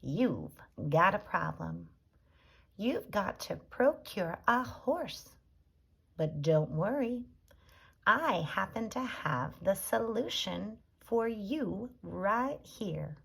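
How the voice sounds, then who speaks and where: A woman putting on a no-nonsense, higher-voiced ticket seller. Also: expressive, drawn-out words, gravelly, husky, exaggerated voice. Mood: matter-of-fact. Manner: pointed, leading questions, higher pitch.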